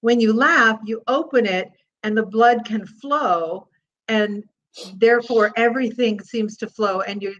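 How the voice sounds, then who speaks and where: Slow-spoken woman teaching laughter. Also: fairly high pitch, lo-fi sound. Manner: bursts into demonstration laughs and explains calmly. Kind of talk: interview demonstrating laughs.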